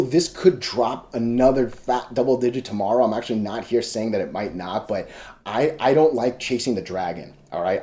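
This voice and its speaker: A man's voice: medium pitch, dark tone. A man casually talking through stock charts, rambling and restarting his sentences, with loose slang. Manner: rambling, self-interrupting, salty slang. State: hiccups. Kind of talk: casual screen-share chart commentary.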